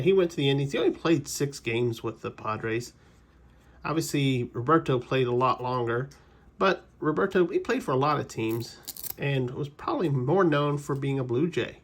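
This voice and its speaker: A man casually opening trading card packs on his channel, rambling through player trivia and correcting himself as he goes. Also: medium pitch. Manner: chatty, rambling trivia asides with self-corrections. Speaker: card-collecting channel host. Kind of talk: casual pack-opening commentary.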